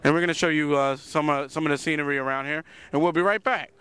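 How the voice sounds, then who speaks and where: A man hosts a loose, chatty talk show from a city park, restarting and repeating words as he goes. His voice is bright, crisp and sits somewhat high. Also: steady tone, quick pace. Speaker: host. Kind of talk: casual outdoor talk show.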